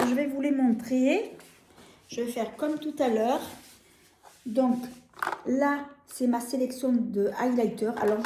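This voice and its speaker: A French woman showing makeup on camera, gushing about each product and filling pauses with hesitations and repeated words. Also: sits high, background noise. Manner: gushing, enthusiastic over products. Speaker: beauty vlogger. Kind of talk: casual product demo. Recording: echoey room.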